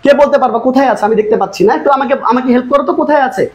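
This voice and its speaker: A woman's voice: high-pitched, darkish tone, rough recording. A woman English tutor teaching an exam-prep lesson, coaxing the students to look and follow along. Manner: fast, coaxing, repeatedly urging students to look.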